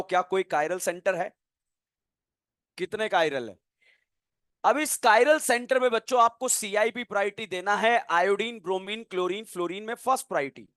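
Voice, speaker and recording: A man teaching chemistry in a lively classroom lecture, playfully quizzing students with call-and-response questions. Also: sits high, no room sound, studio quality.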